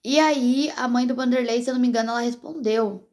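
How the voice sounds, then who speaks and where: A woman's voice: fairly high pitch, fast, a little mellow. A young pregnant woman from Brazil chatting casually to her viewers as a vlogger, in a rambling, direct way.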